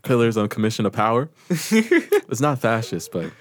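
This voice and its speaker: A man's voice: medium pitch, wildly swooping pitch, normal speed, dry recording. A young man in casual group chat, rambling in a laid-back, slangy way.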